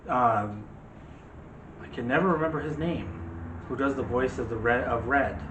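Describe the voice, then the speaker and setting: Here the same kind of movie-channel host chats casually, teasing playfully as he talks film. His voice sits in the mid-range and moves at a moderate pace. Faint background noise lingers in the echoey indoor room.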